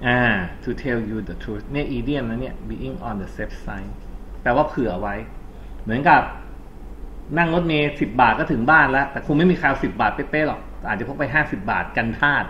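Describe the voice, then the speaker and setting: A man's voice: mid-range voice, normal speed, bright, forceful tone. A Thai-accented man teaching an exam-prep English lesson, talking chattily, correcting himself and slipping English terms into his explanations. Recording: slightly dull recording with faint background noise.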